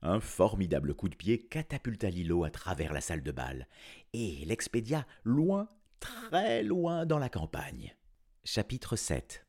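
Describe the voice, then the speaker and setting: A man narrating a children's story in an expressive, animated way. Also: fairly low pitch, unhurried.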